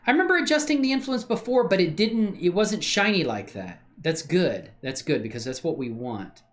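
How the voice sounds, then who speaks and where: This livestreamer mutters and thinks aloud at a normal speed while doing 3D modeling, his pitch bouncing around a lot. He answers chat in relaxed, slangy talk full of fillers.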